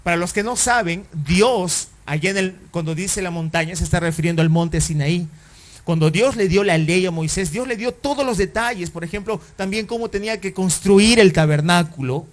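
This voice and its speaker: A pastor with a fairly high voice preaches a sermon at a moderate pace, in a conversational style. He often asks the congregation rhetorical questions, using fillers and correcting himself as he goes.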